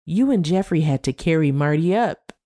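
A woman's voice: sits low, lively intonation, normal speed, dark tone. A woman voicing a giggly older woman who teases her old friends. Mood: teasing.

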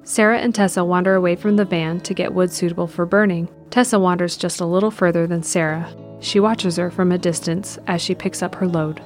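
Narrating a scripted audio drama, a fairly low-voiced woman keeps her intonation mostly even. Her telling is descriptive and unhurried, with quiet music underneath.

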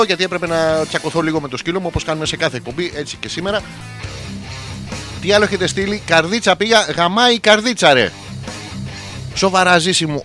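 A man in his forties hosts a comedic radio show from a studio, rambling crudely through listener messages and breaking into sudden outbursts. His voice is high with a fairly bright tone.

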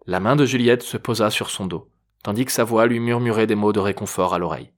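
A man narrating a novel chapter in a measured, even reading voice. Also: on the low side. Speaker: audiobook narrator. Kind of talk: scripted narration.

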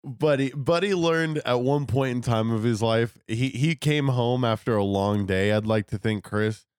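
A man's voice: mid-range voice, moderate pace, a little mellow, clear, resonant tone, dry recording, clean studio sound. A man co-hosting a podcast, joking casually and laughing often. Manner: laughs often, riffs with jokes. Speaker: podcast co-host. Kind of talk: casual banter.

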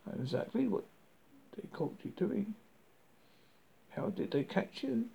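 This horror host is a man whose husky, creaky voice runs high as he dramatically reads a first-person tale, stumbling and hesitating along the way. He is very animated, and the tone turns dark.

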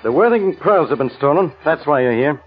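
On a thin, tinny old radio recording, an irritable American police inspector. His rough, husky voice rises and falls sharply, blustering with exasperation in classic radio drama style. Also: fairly high pitch, expressive, fairly quick, soft background music. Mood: irritated, stern. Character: gruff, exasperated adult male police inspector. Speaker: radio actor. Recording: muffled, narrow-band old radio recording.

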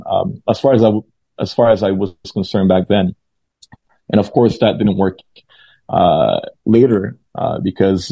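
Low gravelly man telling his testimony. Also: dark tone, no room sound. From Lebanon. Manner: halting, many fillers and restarts. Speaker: guest sharing his testimony. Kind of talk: conversational personal testimony. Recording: dull lo-fi sound.

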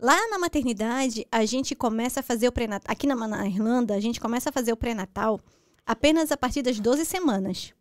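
Animated high-voiced Brazilian woman. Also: brisk, no echo, studio quality. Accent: Brazilian Portuguese. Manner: animated storyteller with frequent restarts. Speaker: guest. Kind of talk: casual talk show conversation.

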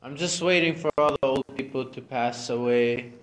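A man talks in a laid-back, slangy way, tossing in jokes as he chats on a podcast. He speaks from outdoors at a restaurant. His pitch sits in an ordinary middle range. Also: moderate pace, low-quality recording. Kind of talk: casual chat.

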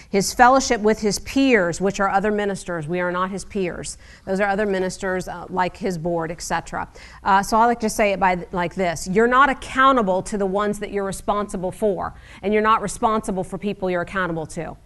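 A woman's voice: medium pitch, a bit bright. A middle-aged woman preaching a sermon in a conversational, wry teaching manner with frequent asides.

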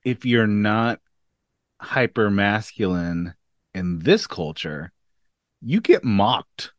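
A man with a mid-range voice that swings a lot in pitch, telling stories on a podcast. His delivery is lively and chatty. The recording is dry and close. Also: slow, no room sound. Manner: lively storyteller. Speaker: podcast co-host. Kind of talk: casual chat.

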